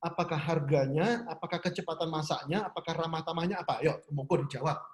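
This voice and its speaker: A man leads an online business seminar, chatty and quick to laugh as he puts questions to his audience. His voice sits a little high. The sound carries a roomy echo.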